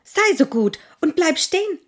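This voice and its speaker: A woman voicing a hasty, hungry male hare in a storybook tale, coaxing and hurried. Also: extremely high pitch, very animated, pitched above the performer's own voice, exaggerated voice.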